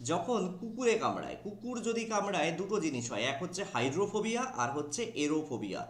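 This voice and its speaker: A Bengali-accented man teaches an online exam class in a slightly high voice. He stretches out English words and spells them letter by letter. The sound carries a roomy echo. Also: very animated. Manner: drawls key English words slowly, spells them out letter by letter, asks "ঠিক আছে?" often.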